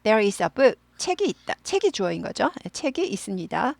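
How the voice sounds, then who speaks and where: Woman english teacher, bouncy pitch, bit gravelly, dry close mic. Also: big pitch swings, a little mellow, dry recording. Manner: explains patiently, slows to model English phrases. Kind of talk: online English lesson.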